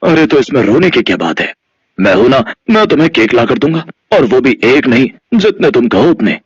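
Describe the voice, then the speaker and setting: A man doing a kindly male ghost from a storybook, reassuring and generous. His husky voice moves up and down a lot as he talks. The sound is dry and lo-fi. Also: mid-range voice, sing-song, normal speed, dry recording. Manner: soothing, reassuring. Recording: dull lo-fi audio.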